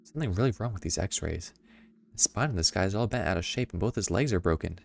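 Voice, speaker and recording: A man streaming a video game, reading clues aloud and making wry, deadpan quips. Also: sits low, quick pace, vocal fry, a little hiss or hum. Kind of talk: casual gameplay commentary.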